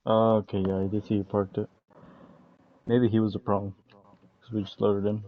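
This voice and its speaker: A man's voice: on the low side, little pitch movement, normal speed. A teammate in a racing league voice chat, rambling and restarting his sentences. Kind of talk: casual voice chat. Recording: muffled voice chat.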